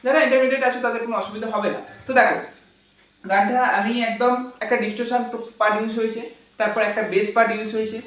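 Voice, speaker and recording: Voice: medium pitch, little pitch movement, quick pace. A guitar teacher giving a casual spoken lesson, talking in a loose, repetitive way and checking in with the viewers. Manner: chatty, repetitive, checks in with "clear?"; hums and sings chord parts instead of words. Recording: echoey room, distant mic, loud guitar. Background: guitar and amp playing.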